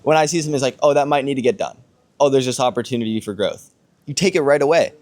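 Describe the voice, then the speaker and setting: A man with a medium-pitched voice talks casually as a motivational podcast co-host. He builds his points with rhetorical questions and short tag questions that seek agreement. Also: fast, darkish tone. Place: outdoors on a villa balcony.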